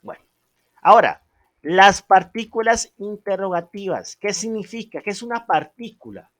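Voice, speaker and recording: A man teaching an English lesson on video, animated and emphatic, slowing down to stress example phrases. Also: high-pitched, dry recording.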